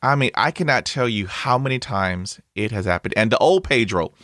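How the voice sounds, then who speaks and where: During a casual interview on his podcast, a man chats cheerfully with lots of fillers, though he stutters heavily with blocks and sound repetitions. He speaks at normal speed in an animated mid-range voice with a fairly bright tone, recorded in studio quality without echo.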